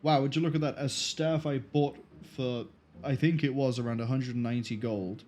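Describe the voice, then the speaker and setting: A man's voice: medium pitch, fairly even intonation, normal speed, darkish tone, faint music behind. A man streaming a video game, casually thinking aloud with fillers. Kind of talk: live game commentary.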